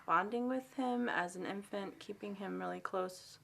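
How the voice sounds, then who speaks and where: A woman interviewed as a mother, speaking softly and reflectively about her parenting. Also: medium pitch, normal speed, vocal fry. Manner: soft-spoken and reflective. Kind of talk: documentary interview.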